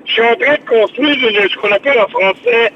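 A chatty older man with a Québécois accent and a high voice, speaking over a dull, muffled phone line. Faint hiss sits behind him, and he rambles on, often repeating his words. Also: fairly quick. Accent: Québécois French. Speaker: radio show host on the phone. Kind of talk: casual radio chat.

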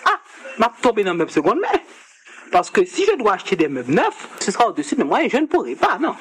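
A man's voice: high voice, huge pitch swings, fast talker, fairly bright tone, slight background noise, full character voice. A man playing a fretful, hesitant elderly grandmother in a radio serial, full of exclamations. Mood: worried. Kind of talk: radio serial drama acting.

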